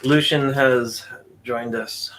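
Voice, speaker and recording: A man with an even, mid-height voice hosts a laid-back stream. He chats freely, tosses in jokes and quick asides, and sounds close to his desk microphone on a voice call. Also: mid-range voice. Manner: chatty, joking, quick asides. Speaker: stream host. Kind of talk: casual chat.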